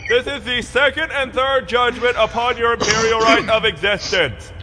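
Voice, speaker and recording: A man's voice: extremely high pitch, normal speed, pushed and bright. An actor playing a stern automated male enforcer making bureaucratic announcements in a clipped, formal manner. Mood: cold official. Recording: echoey hall with faint noise.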